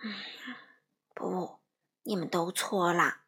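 A woman voicing a timid, bald little old man wizard who trembles and pleads in a hushed voice. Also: sits high, lively intonation, normal speed, slightly rough, exaggerated voice. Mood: pleading.

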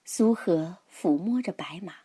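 A woman narrating a children's story in a gentle, expressive, dramatic way. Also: fairly low pitch, a little slow, slightly rough, dry recording, studio quality.

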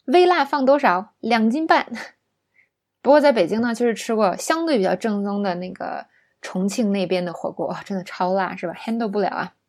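A woman teaching English vocabulary in a chatty, casual lesson, saying each word slowly so listeners can repeat it. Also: mid-range voice, a little mellow. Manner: chatty, drills words slowly for repetition.

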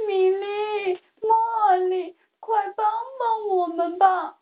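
Tiny field mice plead with a catch of tears in a high, raised storybook voice, put on by a woman reading. The sound is tinny, like a phone line. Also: steady tone, very slow, heavily acted. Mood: tearful. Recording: tinny phone-like home recording.

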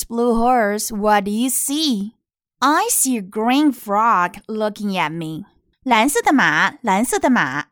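A woman teaching English pronunciation from a picture book, explaining slowly and demonstrating words. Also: a little high, dry recording, clean studio sound.

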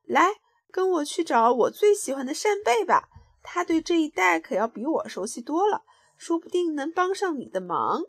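A woman's voice: high-pitched, sing-song, moderate pace, no echo, clean studio sound. A woman voicing a kindly pufferfish in a children's storybook, friendly and encouraging.

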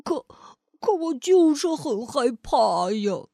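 A woman's voice: high voice, very animated, takes it slowly, creaky, dark tone, no room sound, studio quality, exaggerated voice. A woman voicing a big, timid male green monster in a children's storybook, stammering and hesitant. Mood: frightened pleading. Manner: stammering, hesitant with many filler sounds.

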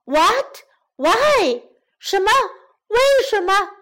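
A woman voicing an eager, naive, lovestruck male lion in a children's storybook, slow and earnest. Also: high-pitched, animated, fairly bright tone, full character voice. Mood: pleading.

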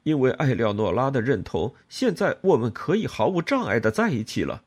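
A male reader voices a self-pitying lover who explains and pleads in earnest. The voice is husky and close to the reader's own, with lively rises and falls in pitch. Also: brisk. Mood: pleading.

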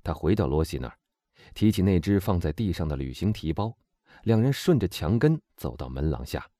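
A man narrating a classic novel as an audiobook reader, measured and expressive. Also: sits low, no room sound, studio quality. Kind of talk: scripted narration.

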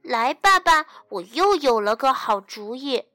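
A woman voicing a young, brave boy bunny who is excited and quick to cheer, in a storybook. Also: high voice, dry recording, clean studio sound, soft background music, full character voice. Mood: eager.

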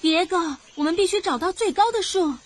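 A woman's voice: very high voice, fairly quick. A woman voicing a worried but grateful mother macaw in a children's cartoon. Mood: concerned. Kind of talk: animated children's show dialogue.

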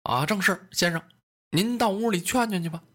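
Man doing a jumpy young soldier, higher-pitched, flustered. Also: normal speed, fairly bright tone. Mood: alarmed. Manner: startled, fussy exclamations. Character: anxious young male soldier.

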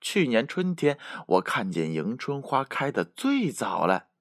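A man voicing a cheerful, confident little bunny in a children's bedtime story, with high, excited, drawn-out exclamations. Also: dry recording, studio quality. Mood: sure.

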